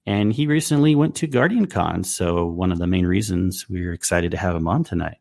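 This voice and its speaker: A man's voice: low-pitched, a little fast, gravelly, darkish tone. A man hosting a casual gaming podcast over a voice call, upbeat and laughing often as he talks. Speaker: podcast host. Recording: voice call over chat app.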